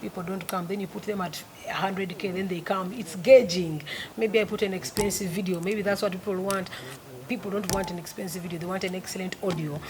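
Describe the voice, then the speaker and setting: A woman's voice: medium pitch, steady tone, fairly quick. A woman, a musician chatting as a guest in an interview, who repeats words for emphasis. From Uganda. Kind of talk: casual interview chat. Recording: loud crowd in background. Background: crowd noise.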